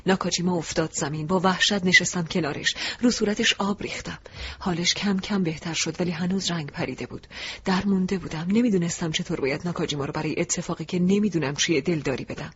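A man narrating a first-person audiobook in a soft, reflective, emotive way. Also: high voice, slightly rough. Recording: dull lo-fi recording.

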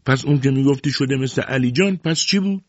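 A man voicing a boastful, meddling middle-aged village man who talks loudly and excitedly. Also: mid-range voice, no room sound, voice pushed up, close to an everyday voice. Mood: excited, pushy. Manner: loud, excitable, self-assured. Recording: dull lo-fi recording.

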